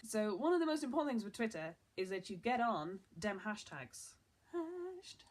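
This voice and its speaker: A woman's voice: mid-range voice, big pitch swings, brisk. Chatty upbeat young woman presenter. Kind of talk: casual online marketing tutorial.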